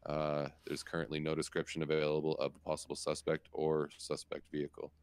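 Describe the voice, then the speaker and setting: A man's voice: extremely low pitch, monotone, brisk, vocal fry, clean tone, no room sound. A man co-hosting a casual talk show, chatting loosely and reading news items aloud with stumbles and asides. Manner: casual, laughs, swears, reads news with stumbles. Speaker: podcast co-host.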